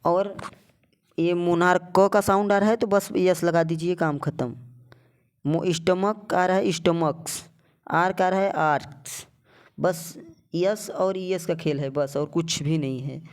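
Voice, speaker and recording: A man's voice: sits high, fairly even intonation, a little slow. A man teaching a lesson as a tutor, repeating words and asking rhetorical either-or questions. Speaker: English tutor. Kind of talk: explanatory lesson.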